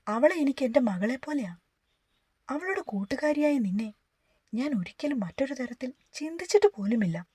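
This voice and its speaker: A woman reading the part of an angry, short-tempered man who scolds quickly in a storybook reading. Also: high-pitched, slightly rough, no echo, heavily acted. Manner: shouting, scolding fast.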